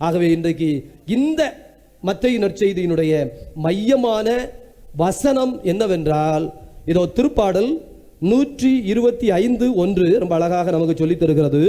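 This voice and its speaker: A man preaching a sermon, asking the congregation questions and moving between soft asides and loud proclamation. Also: sits high, animated, a little slow. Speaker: priest. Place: church.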